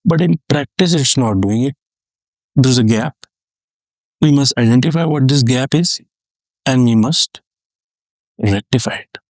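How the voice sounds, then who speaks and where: A man in his thirties giving an explanatory tech talk, conversational with restarts and fillers, getting animated as he explains. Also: unhurried, pauses often, no echo. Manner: animated, rising pitch when excited.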